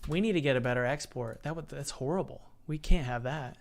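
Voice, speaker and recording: A man live-streams his game development work, chatting casually and thinking out loud while he edits sounds and reads the chat. His voice sits in the mid range and runs a little fast.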